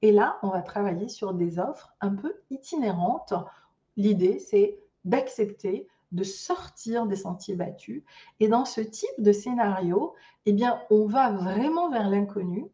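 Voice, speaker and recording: A woman's voice: mid-range voice, lively intonation, a little slow, warm tone, recorded from a distance, muffled recording. A woman giving an online master class on starting an ecotourism business, speaking loosely with lots of fillers and restarts. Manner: loose spoken delivery with many fillers and restarts.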